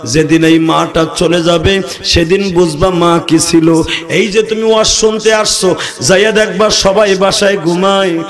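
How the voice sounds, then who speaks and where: A man preaching an emotional sermon, shouting and chanting in a sing-song way. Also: high voice, steady tone, measured pace, soft background music. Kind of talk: emotional Bengali waz sermon.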